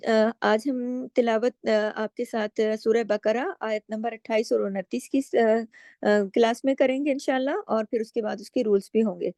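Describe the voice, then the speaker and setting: A woman teaching Quran recitation rules, slowly chanting verses and then explaining each word patiently. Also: on the high side, fairly even intonation, dark tone, no echo, studio quality. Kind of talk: tajweed lesson with slow recitation.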